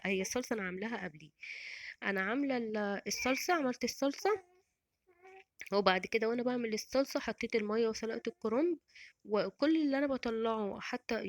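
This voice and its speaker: A middle-aged woman with an Egyptian Arabic accent talks through her home cooking in a chatty, rambling way, full of restarts. Her voice sits a little high and moves along quickly. The recording is dry and close, with no room around it. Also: no room sound. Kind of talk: casual cooking voice-over.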